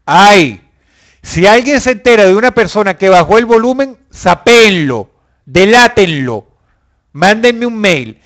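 A man chats casually and loosely with his viewers. His voice sits a little high and swings widely in pitch as he talks. He is animated and profane, and bursts into shouts. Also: normal speed. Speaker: online show host. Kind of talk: casual live chat with viewers.

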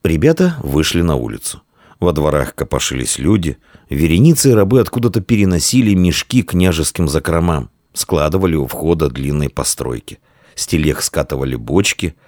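A man narrating an audiobook with expressive storytelling. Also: sits low, dry recording, clean studio sound.

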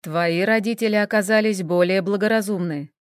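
Female narrator doing a laid-back young dragon lord: deep, slow, unruffled, in a dry, close storybook read. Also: dry recording, natural voice. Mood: tender. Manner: low, slow, unbothered drawl. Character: young male dragon lord, calm and cocky.

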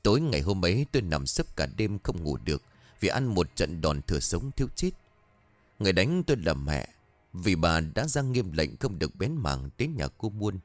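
Deep-voiced man narrating a horror story. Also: very animated, normal speed, no room sound, faint music behind. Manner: first-person storytelling that raises its voice for shouted quotes.

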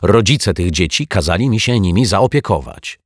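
Brief: man voicing a steady kindly detective in a children's story, low husky voice, matter-of-fact. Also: moderate pace, no room sound, clean studio sound. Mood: firm. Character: calm, firm male children's detective. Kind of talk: audiobook character voice.

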